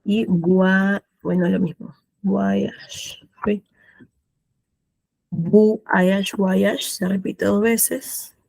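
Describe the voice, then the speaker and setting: Argentine lady teaching french class, slow and patient, gravelly edge, dry sound. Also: mid-range voice, fairly even intonation, a little mellow, no room sound. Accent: Argentine Spanish. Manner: patient, repeats words slowly, asks "¿sí?" often. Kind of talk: classroom explanation of pronunciation.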